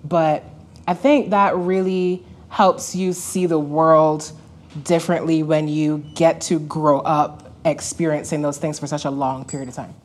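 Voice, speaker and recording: Low-voiced woman from Barbados. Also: little pitch movement, measured pace. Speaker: interior designer. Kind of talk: panel discussion.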